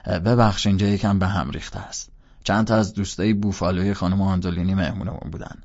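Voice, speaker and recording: A man's voice: deep voice, level tone, a little mellow, muffled recording. A man voicing a witty, jovial middle-aged male teacher with a teasing, joking tone.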